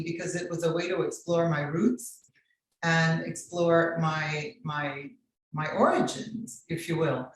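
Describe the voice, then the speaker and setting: Speaking slowly with a fairly low pitch, a woman from Miami, Florida, recounts her personal narrative as a guest artist in an interview. The recording is distant from the mic in a very echoey room, with slight background noise.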